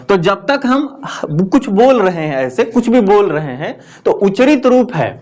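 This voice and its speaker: Male teacher, high and animated voice, drills terms by repeating them and quizzing the class. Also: highs cut off. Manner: explains slowly, repeats key phrases, asks students questions. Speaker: Hindi grammar teacher. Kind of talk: classroom lecture.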